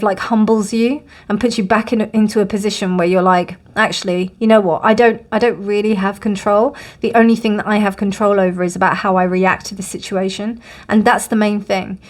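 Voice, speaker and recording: Woman, tarot reading, casual, rambling, breathless, dry mouth. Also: mid-range voice. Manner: rambling, many fillers and restarts. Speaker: tarot reader.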